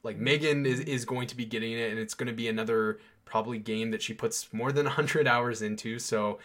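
A man's voice: medium pitch, steady tone, a little fast, fairly bright tone. A young man hosting a podcast, chatting casually and enthusiastically, with many fillers and restarts. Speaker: podcast host. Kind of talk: casual chat.

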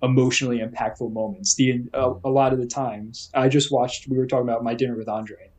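A young man co-hosting a casual podcast chat, telling stories and acting out the people he quotes with lively emphasis. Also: mid-range voice, a little fast. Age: young adult. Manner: animated storyteller, acts out quoted people. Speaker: podcast co-host.

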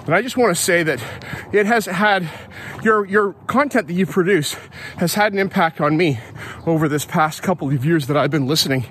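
A man's voice: high voice, normal speed, fairly bright tone, slight background noise. Chatty man recording outdoors. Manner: chatty, rambling, self-correcting. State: out of breath. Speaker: podcast host and educator. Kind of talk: casual outdoor audio diary. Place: outdoors on a hill at dawn.

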